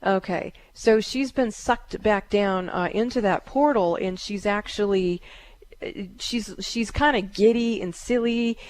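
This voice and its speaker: A middle-aged woman hosting a call-in radio show as a psychic medium, talking calmly and soothingly with many fillers. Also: a little hiss or hum. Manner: calm, soothing, with frequent fillers; chants in a high drawn-out voice.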